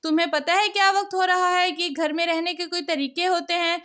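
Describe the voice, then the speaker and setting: A woman voicing a stern, quick-tempered older mother-in-law in a cartoon story. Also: very high voice, steady tone, pushed and bright. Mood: angry.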